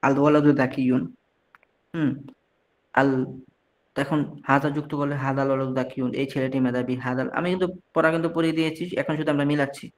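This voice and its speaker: A man from Bangladesh leads an online lesson at a middle pitch. He drills short phrases one at a time, reads each one and then translates it. He often stops mid-word and starts again. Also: fairly even intonation, fast. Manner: frequent restarts and mid-word corrections. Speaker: Arabic teacher.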